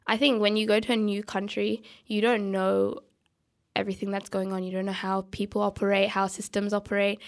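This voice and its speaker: A woman's voice: medium pitch, flat delivery, brisk. A young woman, a radio guest speaking thoughtfully with many "like" and "I think" fillers. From Australia. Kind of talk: conversational interview.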